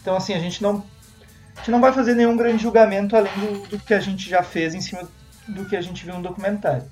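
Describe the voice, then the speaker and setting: A man from Brazil co-hosting a casual podcast, telling a long anecdote in a loose, meandering way full of restarts. His tone is warm and mellow, and the room around him sounds noticeably echoey. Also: high voice, steady tone, quick pace, faint music behind. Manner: rambling storyteller, many restarts and tag questions. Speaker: podcast co-host. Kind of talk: casual chat.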